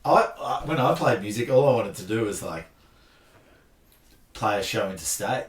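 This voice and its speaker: A man's voice: lowish voice, expressive, moderate pace, distant mic. A laid-back Australian man talks in a loose, self-deprecating way, dropping "like" all through his sentences. He sits a bit back from the mic, and the room gives his voice a noticeable echo. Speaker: podcast guest. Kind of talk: casual chat. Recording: roomy sound, off-mic.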